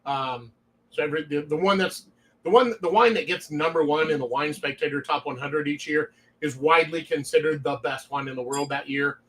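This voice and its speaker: A man's voice: on the high side, brisk, a bit bright, a little hiss or hum. A man from Louisiana hosting a casual wine-tasting show, telling stories in a rambling, chatty way and sometimes talking with his mouth full. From Louisiana, USA. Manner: chatty, rambling storyteller who often chuckles; talks with his mouth full while eating. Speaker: wine shop owner and show host.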